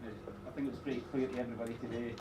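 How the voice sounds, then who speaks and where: A middle-aged man giving an informal wedding speech as father of the bride, rambling a little with pauses and dry teasing asides. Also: medium pitch, flat delivery. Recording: echoey room, distant mic, noisy background.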